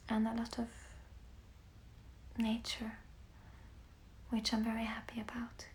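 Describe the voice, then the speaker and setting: With a fairly high voice and a Norwegian accent, a young woman from Norway chats gently to fans on a livestream while painting, often sinking into near-whispers. She's a musician using a phone mic, and the echoey room carries a faint background hiss.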